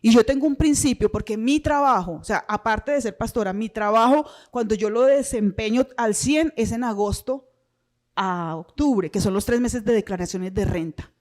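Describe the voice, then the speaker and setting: A woman's voice: on the high side, normal speed, a little mellow. A woman with a Colombian accent, a pastor teaching a church finance seminar in a preachy, personal way and acting out little dialogues.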